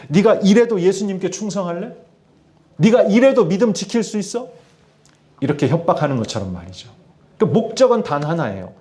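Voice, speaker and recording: A middle-aged male pastor preaching a sermon to his congregation, often asking them questions. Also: on the high side. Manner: addresses congregation with questions, lively emphasis. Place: church in Tianjin, China.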